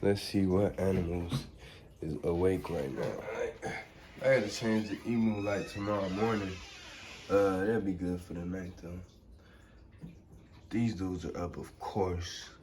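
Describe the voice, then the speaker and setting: An American man talks straight to his viewers in a loose, slangy vlog style. His voice sits a little low. The handheld recording has clear background noise. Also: steady tone, unhurried, darkish tone. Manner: informal, slangy, addresses viewers directly. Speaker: animal vlogger. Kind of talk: casual vlog chat to viewers. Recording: noisy on-location handheld vlog audio.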